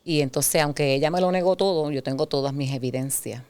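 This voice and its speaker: A woman's voice: sits low, fairly quick, smooth, no room sound. A middle-aged woman, sharing a personal testimony in conversation and acting out past exchanges as she tells it. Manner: animated storyteller who acts out past dialogue. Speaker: guest sharing her testimony.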